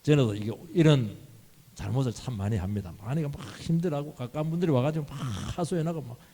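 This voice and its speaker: A man preaching a sermon as pastor, animated, acting out bits of dialogue in changing voices. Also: mid-range voice, fast talker. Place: church sanctuary. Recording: long church hall reverb.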